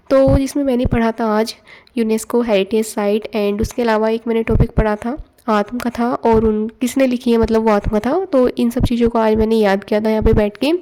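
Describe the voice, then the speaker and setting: Young woman vlogging her study day, chatty, kinda high, soft mellow tone. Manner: chatty, loose Hindi-English mix with fillers. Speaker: exam aspirant vlogger. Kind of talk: casual study vlog narration. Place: at home.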